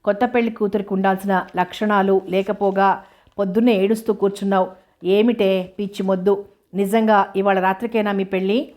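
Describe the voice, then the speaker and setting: Lady reading as a worried mom, fussy and pleading, flat even delivery, novel read aloud. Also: medium pitch, fairly quick, close to an everyday voice. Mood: anxious pleading. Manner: pleading, scolding. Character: worried widowed mother, anxious, fussing.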